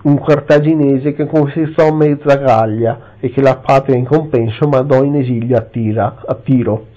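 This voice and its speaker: A man's voice: mid-range voice, steady tone, moderate pace, mellow, lightly acted. A man voicing a fierce, proud Carthaginian warrior who speaks with commanding disdain, on a slightly dull recording. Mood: defiant.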